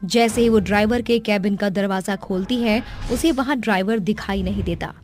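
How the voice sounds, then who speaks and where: A woman narrating a cartoon story in a slow, measured storybook style. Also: medium pitch, darkish tone, faint music behind.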